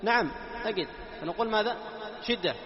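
A man teaching a class, quizzing his students, repeating key terms and slowing down to recite examples. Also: high-pitched, animated, crowd noise. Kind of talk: classroom lesson on tajweed. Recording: echoey hall, dull lo-fi sound.

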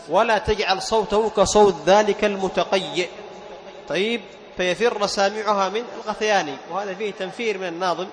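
High-voiced male teacher in a reverberant hall. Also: a bit bright. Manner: explains patiently, repeats key points, asks rhetorical questions. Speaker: Quran recitation teacher. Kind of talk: classroom lesson on tajweed.

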